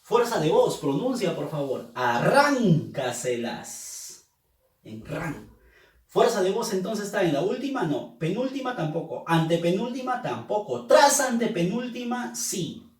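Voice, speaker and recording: A man's voice: sits high, darkish tone. A man teaching a lesson to young students, patiently drilling syllables and asking them to pronounce each word. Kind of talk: classroom lesson on accent rules. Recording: roomy echo, voice from a distance.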